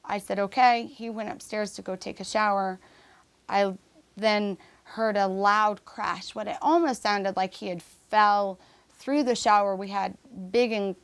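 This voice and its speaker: A woman of average pitch, speaking as a guest on a podcast. She recounts her story in an earnest, measured way, often pausing, restarting sentences and filling gaps with "um". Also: steady tone, clear, resonant tone. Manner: halting, with restarts and fillers. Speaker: interview guest. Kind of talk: personal story in a podcast interview.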